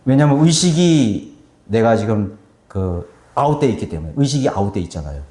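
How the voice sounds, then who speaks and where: Animated male pastor preaching in echo. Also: lowish voice, brisk. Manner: animated preaching, acting out quoted voices. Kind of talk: sermon. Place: church sanctuary.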